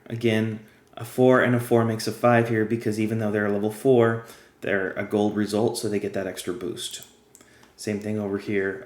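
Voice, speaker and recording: A man with a slightly low voice that is wearing thin, as he says himself. He talks casually and explains the rules step by step while he plays. The room gives his voice a noticeable echo. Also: darkish tone. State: losing his voice. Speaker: game guide creator. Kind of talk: casual gameplay tutorial.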